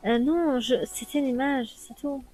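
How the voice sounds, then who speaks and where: A woman voicing a timid, stammering masked male thief who speaks softly and apologetically, hesitating and contradicting himself. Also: high-pitched, normal speed, faint music behind. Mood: timid, apologetic. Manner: soft-spoken, apologetic.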